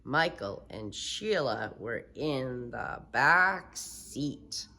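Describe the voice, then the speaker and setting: An older woman reads a picture book like a sweet old lady. Her pace is slow and unhurried, and her pitch moves in lively swings as she tells the story to children. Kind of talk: storybook read-aloud.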